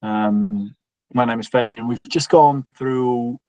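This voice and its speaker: A man's voice: medium pitch, takes it slowly, darkish tone, no echo. A man hosting a meeting over a video call, speaking hesitantly with many filler sounds. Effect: heard through a video call connection. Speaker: meeting host introducing a rules presenter. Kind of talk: opening remarks on a video call. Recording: dull, dry video call audio.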